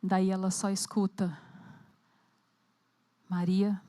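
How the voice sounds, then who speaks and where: A woman's voice: high voice, moderate pace, sharp tone. A Brazilian woman preaching a sermon at a conference, telling the story dramatically and acting out the scenes. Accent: Brazilian Portuguese. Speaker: conference speaker. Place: conference hall.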